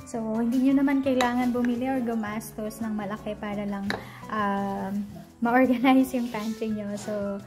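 A woman in her thirties talks in a relaxed, chatty way as she organizes her kitchen at home. Her voice sits a bit high, she mixes English words into her speech, and she pauses often with fillers. Soft music plays faintly behind her, picked up by a camera on the table. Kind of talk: casual home vlog narration. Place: home dining area, indoors.

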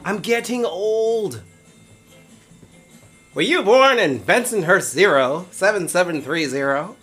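A man's voice: high voice, lively intonation, slow, fairly bright tone. A man from Brooklyn streams a pinball table live, cracking jokes, laughing often and greeting his viewers by name. His voice leaps up and down with a lot of swing, and he sounds a little tipsy. Faint game music plays underneath. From Brooklyn, New York. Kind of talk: casual live-stream commentary.

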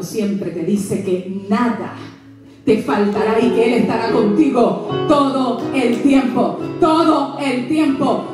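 A woman pastor preaching a sermon with humor and lively questions to the congregation. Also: a little high. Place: church. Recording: echoey church from far off, music behind.

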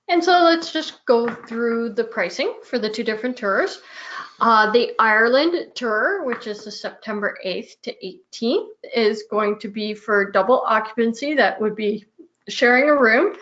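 A woman, a little hoarse, presenting travel tours and reading through itineraries and prices in a steady, listing way. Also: fairly high pitch, a little slow. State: hoarse, losing her voice. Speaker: travel club tour presenter. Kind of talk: presenting tour details. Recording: muffled lo-fi recording.

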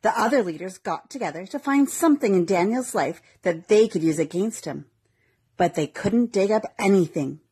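A woman reading a story aloud in a scripted, even narration. Her voice has a husky grain, and she keeps a mid-range pitch throughout. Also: normal speed.

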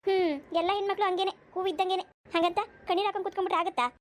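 A haughty middle-aged mother-in-law from a cartoon, played by a woman, scornful and always lecturing. Her voice sits very high and her words tumble out at a rapid clip. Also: level tone, dry recording. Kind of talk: cartoon voice acting.

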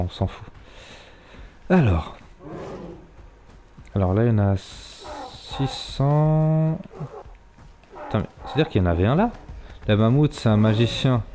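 With a medium-pitched, dark-toned voice, a man provides live commentary while streaming a game. He's loose and chatty, cursing freely and speaking to the animals he rides.

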